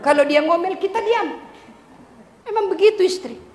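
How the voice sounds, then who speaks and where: A man preaching a humorous sermon to a congregation, lively and joking, sometimes breaking into a few lines of song. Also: very high voice, moderate pace, a little hiss or hum. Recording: echoey hall with faint ambience.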